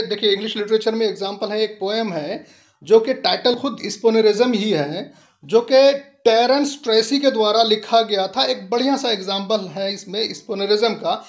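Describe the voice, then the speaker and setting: A man's voice: sits high, normal speed, lo-fi sound. A man teaching a lecture-style lesson, explaining step by step and mixing English terms into his speech.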